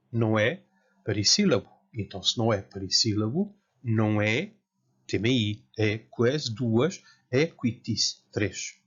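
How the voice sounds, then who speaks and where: A man from Portugal with a European Portuguese accent, giving a careful, slow lecture as a Latin teacher. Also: on the low side, pushed and bright, breathy edge. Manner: slow, careful, spells out word forms. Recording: dull lo-fi sound.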